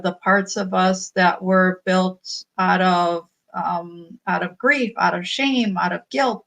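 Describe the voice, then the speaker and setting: Slow-paced, earnest American woman. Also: mid-range voice, a bit bright, rough recording. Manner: earnest, emotional, reflective, with pauses and repeated phrases. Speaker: spiritual healer and coach. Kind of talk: informal spiritual message to followers.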